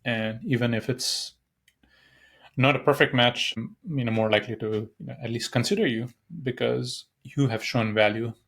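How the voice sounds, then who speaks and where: A man's voice: medium pitch, fairly even intonation, normal speed, fairly bright tone. A young man from Nepal hosting a solo podcast, talking casually and rambling with many fillers and restarts. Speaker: podcast host.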